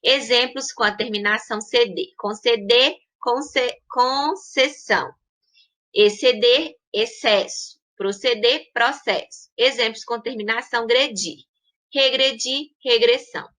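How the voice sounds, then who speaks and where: A young Brazilian woman teaching a primary class, with a Brazilian Portuguese accent and a bright, ringing voice. She speaks slowly and patiently, sounding out example words one by one and pausing to check that the pupils follow. Her voice sits a little high. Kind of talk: recorded online lesson.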